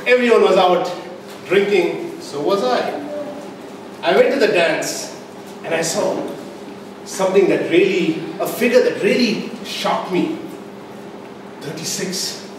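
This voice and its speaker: A high-pitched man with lively intonation delivers a comic tall tale at a speech contest, leaning hard on key phrases and using dramatic pauses to build each point theatrically for the crowd. Captured from the audience in an indoor meeting room, the sound is distant and very echoey, with clear background noise.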